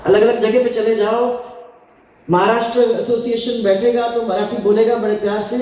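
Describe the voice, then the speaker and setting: A woman from India, giving a deliberate, oratorical public speech to an audience in a large hall. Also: a little mellow. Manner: deliberate, oratorical, mixing Hindi and English. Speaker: political speaker. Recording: booming hall echo, voice from far off.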